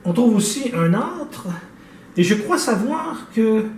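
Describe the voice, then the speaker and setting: A man who reads poetry aloud and then asks questions in a measured, articulate, wry way. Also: extremely high pitch, very animated, darkish tone, slight background noise. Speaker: interviewer and poet. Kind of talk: poetry reading and interview questions. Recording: echoey room, mic at a distance.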